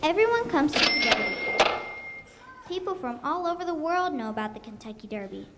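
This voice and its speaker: A young elementary-school girl performs as a bubbly female TV reporter touring the Kentucky Derby in a scripted school radio show. Her high voice is very animated at a moderate pace, announcing upbeat and presentational. It's a noisy amateur live stage recording.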